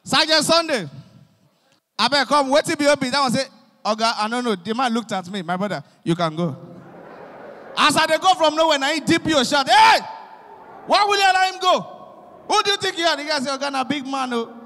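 A young man with a Nigerian accent doing animated stand-up comedy in Pidgin, acting out his characters, on a handheld mic on a concert stage. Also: very high voice, a little fast, pauses often. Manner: animated storytelling, acting out police and pastors. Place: large concert stage with live audience. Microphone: handheld microphone. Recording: long reverb of a large hall.

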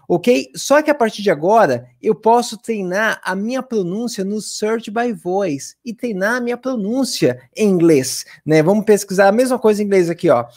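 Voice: mid-range voice, a little mellow. An English teacher with a Brazilian Portuguese accent giving a chatty, upbeat live online lesson and talking straight to the viewers.

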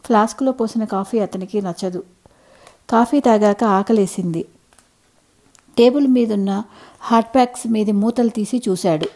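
Woman storyteller, warm and mellow tone, calm even audiobook narration. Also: mid-range voice, normal speed, long pauses, poor audio.

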